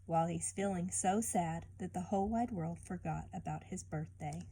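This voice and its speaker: A woman with a fairly low voice reads a picture book aloud at a moderate pace, with background noise audible. She teaches children informally, reading expressively and often turning to the listener with questions.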